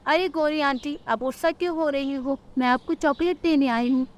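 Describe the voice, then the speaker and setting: Putting on the voice of a bratty little girl bird in a cartoon tale, a female narrator whines in a very high, childish pitch, demanding things her way. She keeps a moderate pace and a cheerful mood, staying close to an everyday voice.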